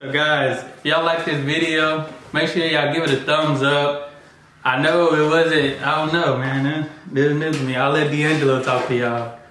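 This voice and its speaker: American dad in a very echoey room. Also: male voice, on the high side, flat delivery, normal speed, a bit bright. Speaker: dad hosting a family challenge video. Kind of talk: casual chat to camera. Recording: very echoey room, faint noise.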